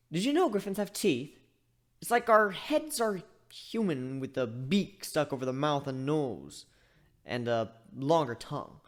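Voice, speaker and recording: A man voices a chatty male griffin narrating his own fantasy tale in first person, a dramatic fan fiction reading. Wry and conversational, he rambles into asides and interrupts himself, his pitch moving animatedly while staying close to an everyday voice.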